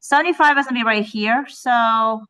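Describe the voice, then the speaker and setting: A woman's voice: fairly high pitch, moderate pace, sharp tone, poor audio. A woman teacher talking through a math worksheet step by step, thinking aloud and often checking in with "right?". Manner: tentative, thinks aloud while estimating.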